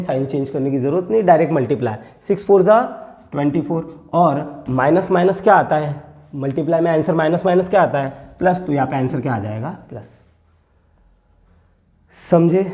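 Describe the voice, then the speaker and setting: A man teaching a math lesson, explaining each step slowly, repeating phrases and asking the class questions as he writes. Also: on the high side, dark tone.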